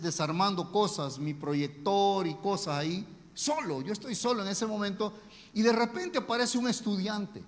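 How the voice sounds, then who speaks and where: Preacher man, high voice, echoing hall. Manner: storytelling, emphatic with dramatic pauses. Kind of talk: sermon.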